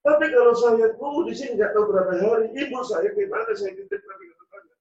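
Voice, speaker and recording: A man's voice: very high-pitched, sing-song, fast talker, darkish tone, pitched above the performer's own voice, exaggerated voice. A male preacher voicing a humble young man who longs to meet the Prophet, with a pleading, tearful tone. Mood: longing, pleading. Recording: distant, roomy, dull sound.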